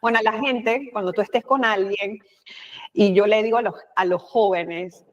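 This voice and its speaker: A woman's voice: mid-range voice, normal speed, highs cut off. A woman with a Panamanian Spanish accent, a communication expert talking expressively in an interview, with frequent fillers and quoted asides. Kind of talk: conversational interview.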